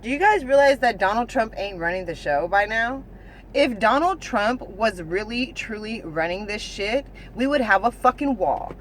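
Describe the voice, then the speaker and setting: With a mid-range voice and a bit of hiss or hum behind her, a woman vlogger rants casually to her viewers at a moderate pace. She swears heavily, keeps restarting and stumbling through sentences, and asks "you know what I'm saying" over and over, all in an animated way.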